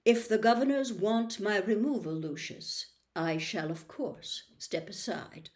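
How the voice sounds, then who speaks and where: A woman voicing a calm, authoritative old wizard headmaster in a storybook, speaking with grave, measured clarity. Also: mid-range voice, close to an everyday voice. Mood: firm. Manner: slow, clear, measured. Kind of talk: storybook character reading.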